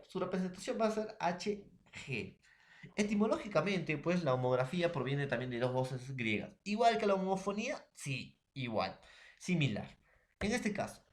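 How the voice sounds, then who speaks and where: A man with a Peruvian Spanish accent teaching a recorded class, repeating points and asking the students rhetorical questions. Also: fairly high pitch. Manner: repetitive, addresses students and fellow teachers, asks rhetorical questions. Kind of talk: recorded remote class lecture. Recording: echoey room.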